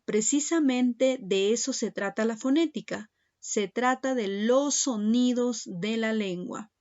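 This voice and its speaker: A woman's voice: on the high side, highs cut off. A woman teaching a secondary school class in a recorded lesson, speaking patiently and addressing her students directly.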